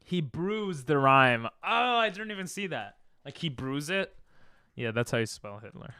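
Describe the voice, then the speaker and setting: Playing games on a live stream, a man whose first language is Hebrew reads the chat and launches into silly freestyle rhymes. His voice is on the high side, sing-song and a little slow, pushed and bright yet clear and resonant, in a dry, studio-quality recording.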